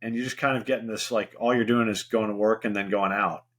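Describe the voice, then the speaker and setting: A man's voice: fairly low pitch, fairly even intonation, fast, a bit bright. A middle-aged man, a guest on a podcast, talking candidly in a casual, rambling way with lots of fillers. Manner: rambling, candid, full of "you know" fillers. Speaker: podcast guest, venture investor. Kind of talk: casual interview conversation.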